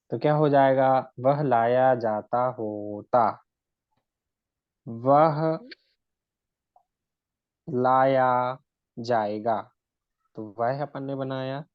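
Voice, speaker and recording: A man's voice: mid-range voice, no room sound, dull audio. A man teaching shorthand in a recorded lesson, stretching out words one at a time as he explains. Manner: slow and deliberate, drawing out words one at a time.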